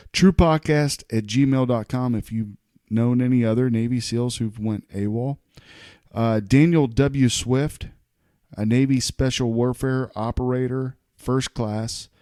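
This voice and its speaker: A man's voice: medium pitch, dark tone, no room sound, clean studio sound. A man in his forties hosting a solo podcast, offhand and opinionated as he reads news aloud with asides. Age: 40s. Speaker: podcast host. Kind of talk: casual solo podcast commentary.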